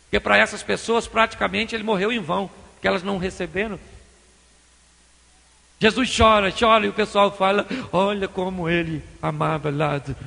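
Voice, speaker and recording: A man preaching a sermon as pastor, animated and acting out scenes with changing voices. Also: sits high, fairly quick, gravelly, pauses often, in a large hall.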